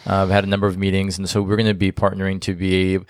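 A man's voice: low voice, completely flat delivery, racing, smooth, no room sound, clean studio sound. A man co-hosting a marriage podcast in a casual, rambling chat full of fillers. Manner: rambling, many fillers, laughs easily. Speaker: podcast co-host.

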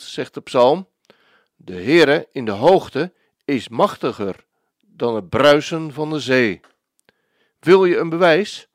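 A man preaching a devotional sermon, slow and emphatic, with dramatic pauses. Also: mid-range voice, no echo, studio quality.

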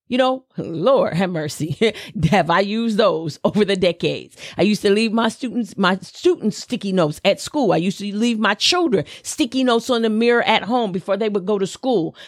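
A woman's voice: medium pitch, no room sound, clean studio sound. A middle-aged woman with a Southern US accent hosting a motivational podcast, enthusiastic and preachy, repeating phrases for emphasis. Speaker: podcast host.

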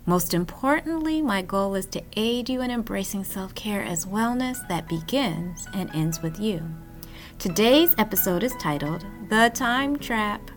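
Slow, soothing woman over new-age music. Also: mid-range voice, animated. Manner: soft, soothing, measured delivery. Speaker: wellness podcast host. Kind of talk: guided breathing and gentle self-care podcast narration.

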